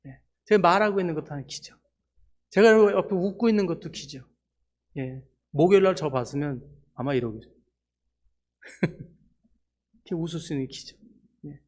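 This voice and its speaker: A middle-aged man preaching in a church, giving a personal testimony that moves from soft, hushed prayer to loud, almost tearful excitement. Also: fairly high pitch, normal speed, long pauses. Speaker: missionary preacher. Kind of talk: sermon testimony.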